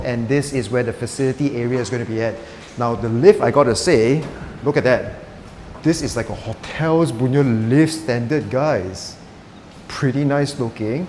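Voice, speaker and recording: A young property vlogger with a Malaysian English accent walks viewers around a residential complex and its outdoor areas, chatting in an upbeat, colloquial way with "lah" tags. His mid-range voice is slightly mellow, with a little hiss or hum.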